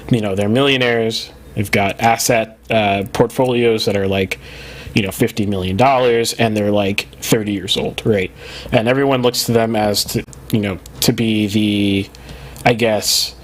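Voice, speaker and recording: A man hosting a podcast in casual, rambling talk with many fillers, his overdriven mic clipping and distorting. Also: on the low side. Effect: clipping, distorted mic turned up too loud. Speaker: podcast host. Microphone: studio mic, gain set too high.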